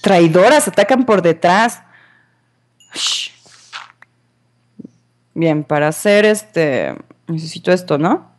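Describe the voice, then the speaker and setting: A woman's voice: lowish voice, lively intonation, slow pace, long pauses. A woman, commenting on her gameplay in a dramatic way and scolding the game creatures. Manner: dramatic, talks to game mobs and sings along. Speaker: gamer.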